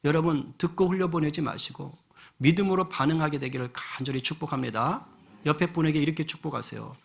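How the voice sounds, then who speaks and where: A middle-aged man, senior pastor of a church, preaching a sermon with animated rhetorical questions to his congregation. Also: fairly high pitch, fairly quick, vocal fry, breathy edge. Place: church sanctuary.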